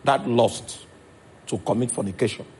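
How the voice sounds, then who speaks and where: A man's voice: medium pitch, moderate pace, darkish tone, a little hiss or hum. A man with a Nigerian accent preaching a sermon as pastor, checking in with his congregation as he goes.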